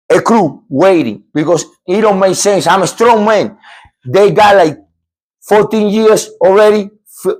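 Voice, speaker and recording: On his podcast, a middle-aged Cuban host recounts a scary true story in a voice a bit high for a man. He's animated and emphatic, often repeating himself and restarting sentences as he builds his point.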